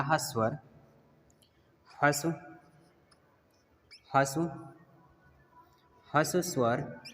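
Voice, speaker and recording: Man teaching grammar in an echoey hall. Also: on the high side. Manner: repetitive, drills points with tag questions. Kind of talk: online grammar lesson. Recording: long hall reverb, faint noise.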